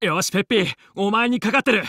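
A heroic fox space pilot leading his squad in a video game. His voice is high for a man, with a dry, close studio sound. He speaks with earnest, commanding resolve. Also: quick pace, sharp tone, dry recording. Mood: focused. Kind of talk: Japanese video game voice acting, battle callouts.

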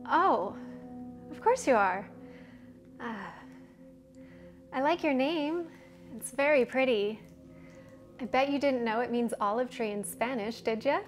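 Woman acting a high-voiced, polite young girlfriend. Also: a little slow, pauses often, soft background music. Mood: friendly, eager. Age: young adult. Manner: polite, hesitant. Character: polite, awkward young girlfriend of a single father. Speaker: actor. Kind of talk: naturalistic scripted drama acting. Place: indoors in an apartment.

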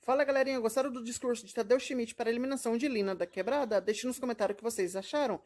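Fast-talking man hosting his channel. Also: very high-pitched, background noise. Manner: quick, upbeat calls to subscribe. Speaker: YouTube channel host. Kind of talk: casual video intro and outro. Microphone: phone camera held close.

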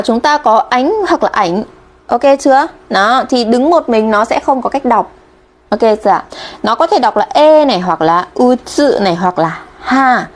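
Chatty Vietnamese teacher on a livestream. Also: female voice, a little high. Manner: chatty, keeps checking in with viewers. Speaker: Japanese teacher. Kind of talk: live-streamed kanji lesson.

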